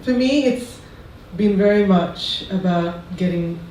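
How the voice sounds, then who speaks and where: A panelist speaking in a reflective, halting way on a discussion panel. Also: mid-range voice, a little mellow. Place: lecture room. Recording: very echoey room, distant mic, faint noise.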